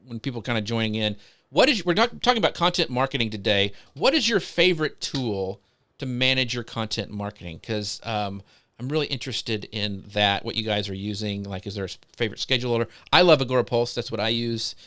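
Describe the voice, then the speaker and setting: A man's voice: medium pitch, lively intonation, brisk, pushed and bright. A man hosting a live social media show, upbeat, greeting guests and reading out viewer comments. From United States.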